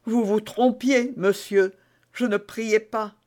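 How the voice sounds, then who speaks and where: This male audiobook narrator raises his voice high to play a scheming, desperate female prisoner, keeping a steady, slightly mellow tone at a slow pace. Her prayers and pleas come out tearful and theatrical, both pleading and indignant.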